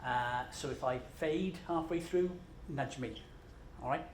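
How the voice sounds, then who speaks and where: A man from Scotland, mid-range in voice and a little slow, addresses a conference in a conversational, self-belittling style. He's jet-lagged and full of fillers. The sound carries the echo and faint noise of a large conference room.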